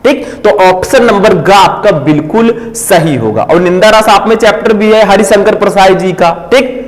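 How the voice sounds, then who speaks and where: Male tutor, fairly high voice, exam-prep lesson, keeps checking students follow, long room reverb. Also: normal speed. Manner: coaxing, asks students to comment; repeats "ठीक है" often. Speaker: teacher.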